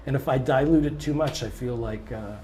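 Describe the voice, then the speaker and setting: Relaxed and thoughtful, a touring blues musician who sings and plays guitar fields interview questions in a scratchy, medium-pitched male voice. He often stops on "um" and sometimes starts his sentences over.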